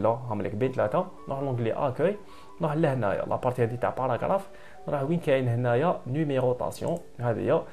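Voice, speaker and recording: A man with an Algerian Arabic accent giving a software tutorial, briskly mixing French computer terms into his speech. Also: medium pitch. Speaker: software instructor. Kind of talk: screen-recorded tutorial.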